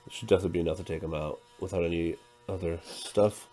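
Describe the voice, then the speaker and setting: Deep-voiced man narrating a board game. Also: fairly even intonation, quick pace, soft background music. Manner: counts dice out loud, thinks through moves. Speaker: tabletop game player narrating a playthrough. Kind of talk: casual play-by-play, reading game text aloud.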